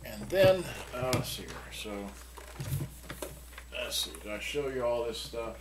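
Showing off used electronics in a small, cluttered indoor workshop, an older man gives a meandering, casual demo. His medium-pitched voice is sing-song and measured, over clear room noise and the clicks of switches being handled.

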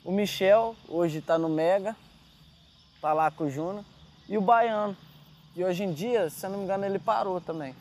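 A young Brazilian man who dances on party trains, talking in a relaxed, chatty interview and laughing easily. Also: high voice, moderate pace, a little hiss or hum. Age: young adult. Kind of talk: casual interview.

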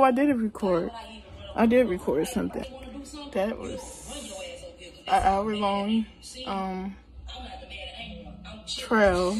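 A young woman in her twenties, a vlogger, chats casually to her phone held at arm's length inside a small rental cabin. She speaks slowly and relaxedly at medium pitch, rambling with fillers, and the recording is rough.

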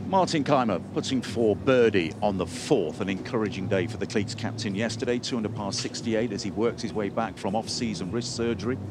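A man's voice: lowish voice, brisk, few pauses, background noise. A man working as a golf commentator, calling putts in live sports commentary.

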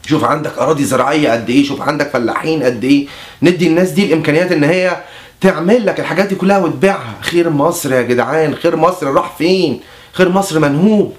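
Fast-talking Egyptian man on a mock campaign. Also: fairly high pitch. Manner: fast, chatty, self-interrupting. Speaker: mock presidential candidate. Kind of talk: satirical campaign monologue.

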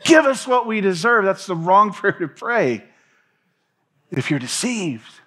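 A man's voice: high-pitched, measured pace, slightly rough. A man in his thirties preaching a sermon from a church stage, reading scripture and gesturing as he speaks. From Tennessee. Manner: preaching with hand gestures, animated pacing, reads scripture aloud. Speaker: pastor.

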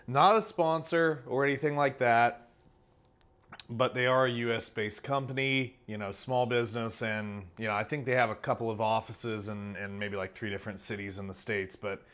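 A man's voice: medium pitch, fairly bright tone. A man hosting his own channel, chatting casually through a table of camping meals with plenty of fillers and restarts. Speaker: food reviewer, channel host. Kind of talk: casual product walkthrough. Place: indoors at a table.

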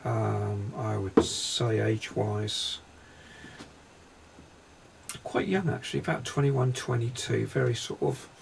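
Low gravelly guy doing a medium reading, lots of ums and pauses, on an old train. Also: slight background noise. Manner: hesitant, halting descriptions with many pauses. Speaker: psychic medium. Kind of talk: paranormal investigation commentary. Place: inside a railway carriage.

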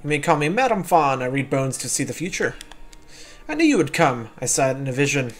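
Man putting on a theatrical fortune-teller lady, swooping pitch. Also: sing-song, a little fast, faint music behind, natural voice. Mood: mysterious welcome. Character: mysterious female bone-reading fortune teller in a game. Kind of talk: dramatic read-aloud of game dialogue.

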